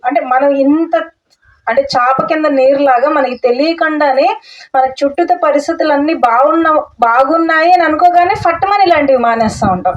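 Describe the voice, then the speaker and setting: A young woman telling her own story at a meditation talk, earnest and full of restarts, mixing in English words. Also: high-pitched. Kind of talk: personal testimony talk. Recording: dull audio from a distance.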